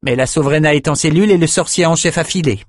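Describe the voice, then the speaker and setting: A man's voice: fairly high pitch, quick pace, no room sound, pitched above the performer's own voice, close to an everyday voice. A man putting on a proud young swordsman in a storybook reading, cutting and sarcastic, his voice raised well above the reader's own, recorded close and dry. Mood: defiant.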